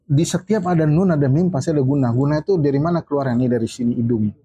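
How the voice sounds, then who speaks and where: A man teaching a casual study circle, drawling out recitation examples slowly and often checking that his students understand. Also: a little high, warm tone. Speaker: religious teacher.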